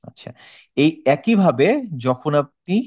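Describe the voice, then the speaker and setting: A man's voice: on the high side, lively intonation, takes it slowly, a little mellow, lo-fi sound. A man teaching an online Quran reading class, patiently demonstrating how each letter is pronounced by repeating it.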